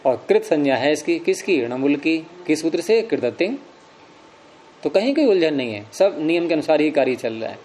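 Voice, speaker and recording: Man, grammar teacher, fairly high voice, patient step-by-step explaining, asks and answers his own questions, faint background hum. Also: sing-song, moderate pace, a little mellow.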